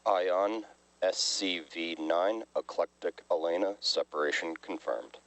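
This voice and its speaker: A man at mission control giving a flat, procedural confirmation call over a distant mission control radio loop. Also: low-pitched, a little slow. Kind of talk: terse radio callouts. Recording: far-off radio loop audio.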